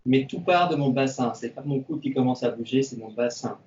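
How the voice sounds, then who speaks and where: A karate instructor teaching an online class to camera, giving slow, repetitive cues and counting out the moves. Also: male voice, mid-range voice, a little mellow. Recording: roomy, distant, dull sound.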